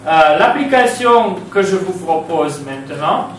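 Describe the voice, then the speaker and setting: A man with a Romanian accent teaches French spelling in a classroom, speaking slowly with many pauses and repeated words. His voice sits fairly high for a man. It is picked up from across a very echoey room, with faint background noise. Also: animated, recorded from a distance. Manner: slow, halting delivery with frequent "euh", spelling out letters and repeating words. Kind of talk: classroom lesson on spelling rules.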